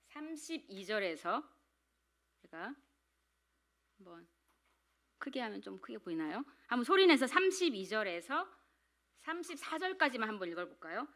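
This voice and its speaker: A woman's voice: on the high side, sing-song, unhurried, long pauses, a bit bright. A middle-aged woman giving a chatty talk on devotional Bible study at a prayer meeting, acting out little quotes and putting questions to the room. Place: church hall.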